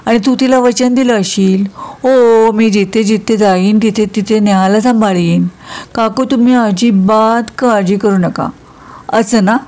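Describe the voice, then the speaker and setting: A woman's voice: fairly high pitch, fairly even intonation, measured pace, darkish tone, natural voice. A woman voicing Neha, a touchy young woman who answers back sharply in a storybook tale. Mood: sarcastic.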